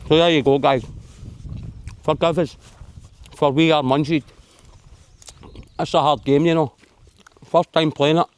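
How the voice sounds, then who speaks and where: A man's voice: a little high, fairly even intonation, a little slow, long pauses, smooth. A Scottish man chatting casually to viewers while fishing outdoors in a forest by a loch, laughing often. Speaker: vlogger.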